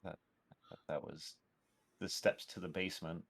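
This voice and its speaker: A man playing in a tabletop game, calmly explaining his character's moves. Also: sits low, moderate pace, creaky. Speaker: player. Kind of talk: casual tabletop play.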